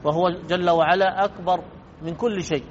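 A man's voice: sits high, fairly even intonation, moderate pace. A man teaching a religious lesson on jurisprudence in a slightly raised voice. He lays out each ruling step by step and repeats his key points so they sink in. The recording is muffled and lo-fi, with a faint hiss underneath. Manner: methodical, repeats points for emphasis. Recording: dull lo-fi with faint noise.

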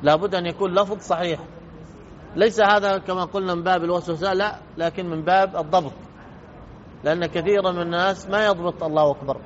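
A man's voice: high-pitched, steady tone, quick pace. A man teaching a religious lesson on jurisprudence in a slightly raised voice. He lays out each ruling step by step and repeats his key points so they sink in. The recording is muffled and lo-fi, with a faint hiss underneath. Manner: methodical, repeats points for emphasis. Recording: dull lo-fi with faint noise.

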